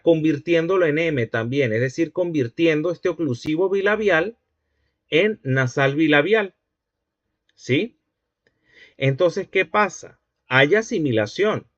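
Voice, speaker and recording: A man gives a university phonology lecture, explaining step by step and repeating himself patiently. His voice sits a little high. The sound is dry and somewhat dull, like a basic online-class mic. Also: no room sound. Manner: patient, repetitive, asks checking questions. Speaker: linguistics teacher.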